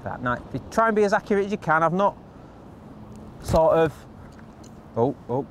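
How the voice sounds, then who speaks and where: A fairly high-pitched, animated man talks at a normal speed, with slight background noise. He's an angler and channel host showing fishing rigs, giving a practical, chatty, step-by-step how-to. He's outdoors beside a lake on a windy day.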